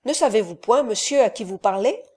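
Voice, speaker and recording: A woman's voice: on the high side, expressive, a little fast, breathy edge. A woman doing a furious sardonic nobleman. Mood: angry, scornful. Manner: sharp, scornful commands. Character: angry, sardonic middle-aged nobleman father. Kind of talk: audiobook character reading.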